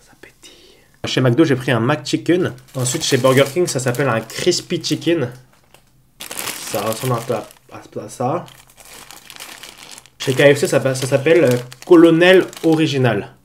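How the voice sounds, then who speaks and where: A man speaks at a medium pitch with the stuffed-up sound of a blocked nose. He chats casually and somewhat haltingly, as a food vlog host talking to viewers. The home recording carries clear background noise. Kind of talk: casual vlog talk to camera.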